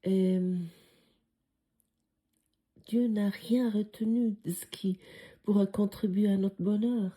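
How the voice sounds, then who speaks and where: A woman's voice: medium pitch, steady tone, slow pace, pauses often, dark tone. A woman with a foreign French accent tinged by Swiss speech, teaching a spiritual lesson in a musing, hesitant way with frequent fillers. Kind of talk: reflective spoken lesson.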